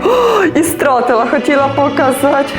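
A middle-aged woman gives excited commentary as she plays a virtual reality conductor game, talking to viewers between exclamations. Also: high-pitched, normal speed. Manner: animated, exclamatory, talks to viewers while playing. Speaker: mother playing a VR conductor game. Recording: orchestral game music loud behind her.

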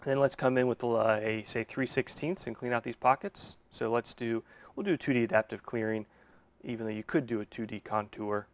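His pitch sits in the mid range, with fairly even intonation and a moderate pace. The speaker, a man in his thirties who runs a machine shop and hosts videos, casually demonstrates a task there, musing aloud and revising what he says while he works.

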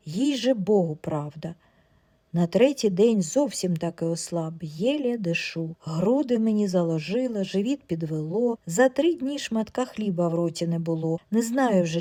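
A woman narrating a classic humorous story as an audiobook, with lively, expressive folk storytelling. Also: medium pitch.

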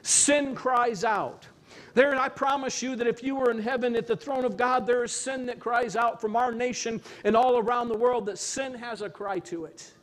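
A man pastor preaching a sermon, reading scripture aloud and then expounding on it in an earnest, searching way with slow emphatic pauses. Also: very high-pitched, steady tone.

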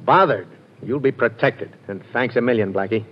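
A man's voice: medium pitch, normal speed, natural voice. An American man acting in a 1940s radio drama as an exasperated, sarcastic police inspector. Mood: pleading. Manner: blustering, sarcastic, cajoling. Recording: dull 1940s radio recording.

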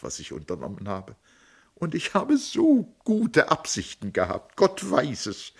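A man's voice: a bit bright, breathy edge. A man reading a novel aloud, voicing a desperate middle-aged woman who pleads and sobs. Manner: pleading, sobbing, rising to high breaks.

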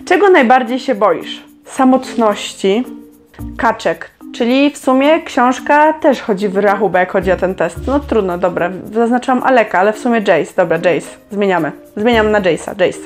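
A woman's voice: mid-range voice, lively intonation, normal speed, soft background music. A young woman casually reading quiz questions aloud and answering them with chatty, sarcastic comments. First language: Polish. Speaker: vlogger.

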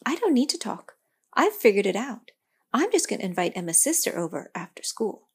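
A woman voicing an upset young girl who talks in a high, huffy, insistent way. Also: big pitch swings, fairly quick, breathy edge. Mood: indignant.

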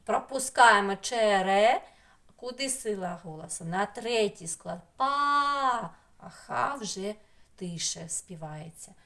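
A woman teaching a remote lesson to preschool children, stretching out syllables and sounds and gently coaxing them with questions. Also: mid-range voice, slow pace, creaky.

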